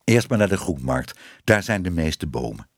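A man's voice: low-pitched, very animated, normal speed, dry recording, clean studio sound, pitched below the performer's own voice, heavily acted. A man voicing an anxious, weary young writer who grumbles and sighs. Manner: weary, sighing.

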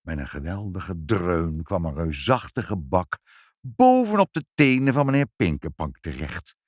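Man reading a kids story out loud, super animated melody, dry close sound. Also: deep voice, measured pace, no echo. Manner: expressive, lively reading. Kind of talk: children's story read aloud.

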